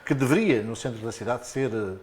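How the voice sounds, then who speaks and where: A man with a European Portuguese accent hosts a local radio interview, asking his guest short, direct questions. His voice sits at an ordinary middle pitch. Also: fairly quick. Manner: brief prompting questions.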